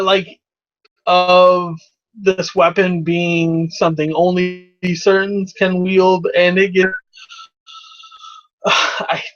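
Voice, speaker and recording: A man's voice: high-pitched, a bit bright. A man hosting a casual movie review chat, rambling and hesitant, laughing often. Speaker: podcast host. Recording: dull lo-fi recording.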